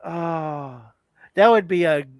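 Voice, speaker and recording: A man's voice: a little high, takes it slowly. A man in casual banter who teases his friend and laughs often.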